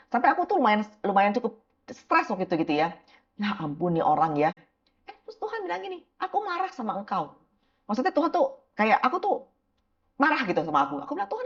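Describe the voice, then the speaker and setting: A woman's voice: mid-range voice, highs cut off. A woman evangelist and business founder from Indonesia, telling her faith story casually and acting out her prayers and quoted conversations. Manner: lively storytelling, acts out prayers and quoted talk; casual, frequent gitu ya fillers. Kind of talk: testimony interview.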